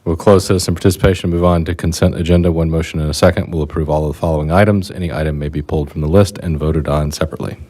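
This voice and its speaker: A man who is a village board president, running a public meeting in a brisk, procedural way with quick asides. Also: very deep voice, steady tone, warm tone, rough recording.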